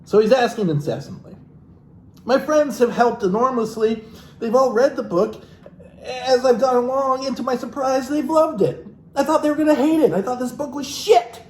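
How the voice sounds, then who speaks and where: A very high-pitched, slightly mellow male voice reads a book at normal speed in a mocking, irreverent manner. As host of the comic reading, he throws in casual swearing. Background noise and a roomy echo are audible.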